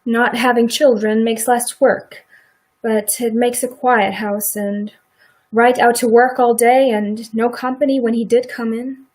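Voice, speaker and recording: In a live radio play, a woman voices Mrs. Hale, a farmer's wife who is regretful, blunt, and a protective neighbour, speaking in folksy rural style. Her fairly high voice keeps a steady tone and measured pace with a darkish quality. The recording is low quality.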